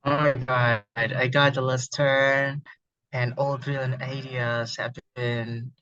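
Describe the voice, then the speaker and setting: A man in an online discussion speaks slowly and in a self-deprecating way, in a bright, somewhat tense voice. His tone stays flat, and the audio is dull and lo-fi. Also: mid-range voice. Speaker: discussion participant. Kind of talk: casual online group discussion.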